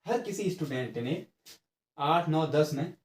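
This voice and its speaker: A man teaching exam-prep grammar checks in with his class, explains each step and drags sounds out to demonstrate, all in an echoey room. He sounds a little high and expressive, and speaks a little slowly.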